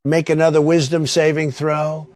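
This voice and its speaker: A man narrates a tabletop game as dungeon master. His delivery is steady and flat. The sound is close and dry. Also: on the high side, normal speed, no echo.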